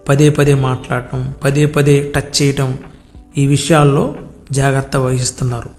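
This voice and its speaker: A man preaching an earnest devotional sermon, repeating words for emphasis and drawing out key phrases. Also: fairly high pitch. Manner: earnest, repetitive cadence, drawn-out emphatic words. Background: soft background music.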